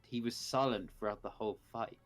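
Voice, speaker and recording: A man's voice: on the low side, fairly quick. Man, player, blunt, casual, faint music. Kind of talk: casual tabletop game chat.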